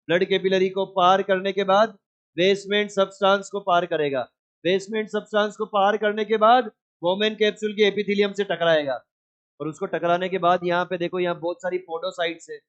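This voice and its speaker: Animated man lecturing a biology class. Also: sits high, lo-fi sound. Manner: animated, asks the class questions and answers them himself; scolds inattentive students. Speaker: biology teacher.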